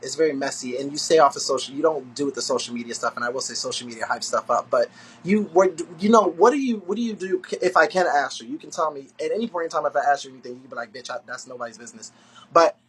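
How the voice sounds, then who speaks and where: A man hosts a casual live-stream interview and fires off excitable, profane questions. He talks very fast in a husky voice that sits a little high. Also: rough recording.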